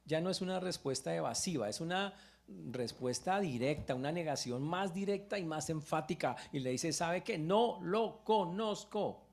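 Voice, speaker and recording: A man preaching a sermon as pastor in church, retelling a story with lively exclamations. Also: on the high side, normal speed, gravelly.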